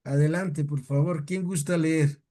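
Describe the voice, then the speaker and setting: A man with a Mexican Spanish accent leads a relaxed Bible class in a fairly high voice. He talks in a chatty, folksy way, stumbling over and repeating words and asking his listeners "right?" as he goes. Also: unhurried. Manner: chatty, repeats words, tells jokes, asks "¿sale?". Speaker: teacher leading a Bible class. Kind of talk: informal religious lesson.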